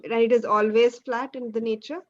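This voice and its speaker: A woman's voice: on the high side, steady tone, fairly quick, dull audio. Polite woman student asking questions. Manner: polite, brief acknowledgements, addresses teacher as sir.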